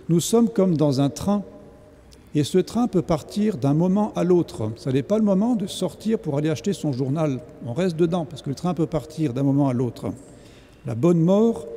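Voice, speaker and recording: A man's voice: on the high side, dark tone. A man preaching a sermon as a priest, speaking in an earnest, exhorting way. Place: large church. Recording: long church reverb.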